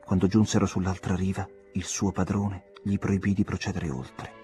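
Deep, dark-voiced male audiobook narrator. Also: soft background music. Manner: measured, expressive storytelling. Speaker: audiobook reader.

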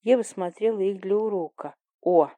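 Mellow-voiced woman reading an audiobook. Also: medium pitch, lively intonation, moderate pace, no room sound. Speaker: audiobook reader. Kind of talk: audiobook narration.

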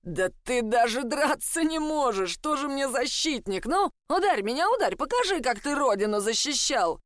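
Lady reading as a bitter young guy yelling and jeering, dragging out his insults, dry close sound. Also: high-pitched, very animated, no room sound, pitched above the performer's own voice, exaggerated voice. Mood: furious. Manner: shouting, sneering, drawn-out taunts. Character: furious spiteful young man, gallery owner.

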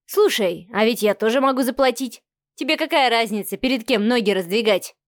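A woman's voice: a little high, brisk, no room sound, lightly acted. Female narrator plays a sarcastic young man in an audiobook, crude and sneering, dry close sound. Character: sarcastic bitter young man, taxi driver.

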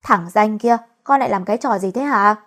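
A woman's voice: mid-range voice, fairly quick, a bit bright. A woman reading the part of an older mother who scolds her son and dotes on her daughter-in-law. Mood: scolding.

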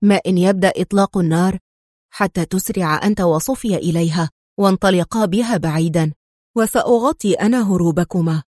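A woman's voice: lowish voice, a little fast, no room sound, clean studio sound, natural voice. A woman voicing a sardonic, commanding male spy hero. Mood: firm. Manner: calm, mocking, commanding. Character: bold, sardonic male secret agent hero.

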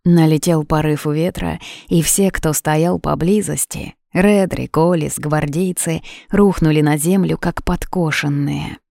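Woman, audiobook narrator, measured expressive reading, very low voice, dry close recording. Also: gravelly, dry recording.

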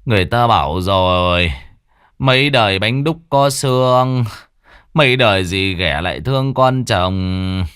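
A man's voice: on the low side, a little slow, fairly bright tone, clean tone, dry recording, clean studio sound. A man voicing an older village woman who laments and quotes proverbs. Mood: lamenting.

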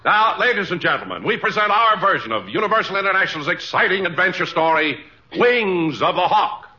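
A man's voice: high-pitched, animated, a little fast, pushed and bright. An American man announcing and setting scenes on a 1950s radio comedy show. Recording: muffled, noisy old radio broadcast.

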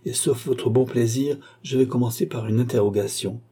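A man's voice: mid-range voice, fairly even intonation, normal speed, warm tone, husky, pitched above the performer's own voice, lightly acted. A man voicing a hot-headed young nobleman who speaks in indignant, clipped bursts.

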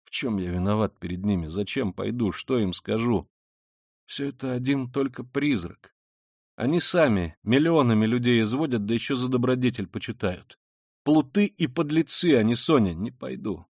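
A man's voice: medium pitch, lively intonation, moderate pace, darkish tone, dry recording, clean studio sound. A man voicing a tormented feverish young man. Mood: bitter. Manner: intense, brooding, swings between outbursts and mutters. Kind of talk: dramatic audiobook reading.

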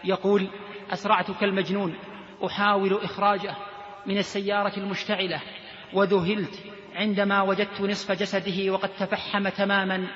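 A man's voice: high-pitched, level tone, fairly quick, a bit bright. A man preaching a sermon, emotionally retelling a young man's story of repentance in the first person. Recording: echoey hall, dull lo-fi sound.

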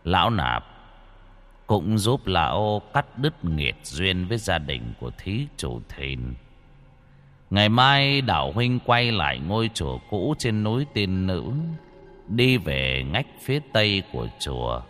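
A man voicing a gentle, merciful old Buddhist monk who murmurs softly and slowly. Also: low-pitched, big pitch swings, faint music behind, heavily acted. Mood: solemn. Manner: soft, slow, murmuring.

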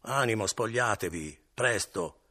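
A man's voice: fairly low pitch, animated, a little slow, sharp tone, pitched above the performer's own voice, exaggerated voice. A man doing a wheedling, wily innkeeper. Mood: curt. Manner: wheedling, soothing then curt. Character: wily middle-aged innkeeper, coaxing and impatient.

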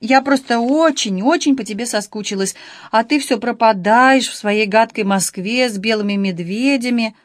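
A woman's voice: fairly high pitch, normal speed, no echo, studio quality, lightly acted. Woman reading as a coy sing-song sweetheart. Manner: drawling, singing tone.

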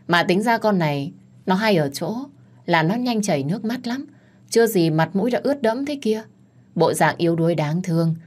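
A woman narrating a dramatic first-person story in an indignant, expressive way. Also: lowish voice, normal speed.

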